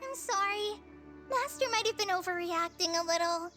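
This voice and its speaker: An actress playing a shy, gentle young forest trainee in a video game, soft-spoken and hesitant. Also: female voice, extremely high pitch, moderate pace, faint music behind. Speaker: game character.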